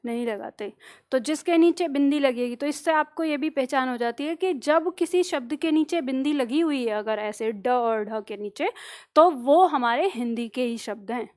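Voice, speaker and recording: A woman's voice: high voice, darkish tone. A woman teaching an online Hindi lesson, explaining step by step, putting questions to her students and answering them herself. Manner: slows down and drags out letter sounds to demonstrate pronunciation. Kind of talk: online exam-prep lesson.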